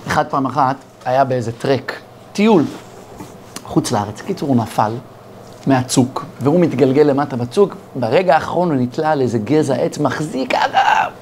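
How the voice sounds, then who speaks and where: A man's voice: medium pitch, slight background noise. A man, a rabbi with an Israeli accent, giving a sermon full of parables and acting out the dialogue in his stories. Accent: Israeli Hebrew. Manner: animated storyteller acting out dialogue.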